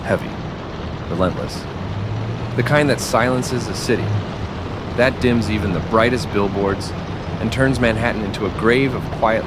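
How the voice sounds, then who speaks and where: A man narrating a bedtime story as a brooding, haunted masked superhero, slow, serious and somber. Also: fairly low pitch, heavy background noise, natural voice. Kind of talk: scripted first-person bedtime story narration. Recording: steady rain and city ambience behind.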